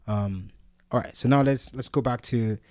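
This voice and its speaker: A man hosting a podcast, asking questions in a relaxed, easygoing way. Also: mid-range voice, moderate pace, no room sound, clean studio sound. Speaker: podcast host. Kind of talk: casual interview talk.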